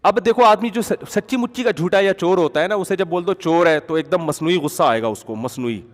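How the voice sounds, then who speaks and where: Man, preacher, storytelling sermon, animated, emphatic, fairly high-pitched, long reverb. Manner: animated, conversational, rising to emphatic peaks. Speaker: Islamic preacher.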